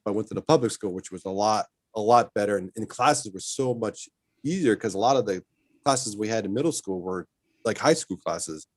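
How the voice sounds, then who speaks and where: Man, guest, casual chat, animated storyteller, laughs often, dry close sound. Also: fairly low pitch, brisk, no echo. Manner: animated storyteller, laughs while telling stories.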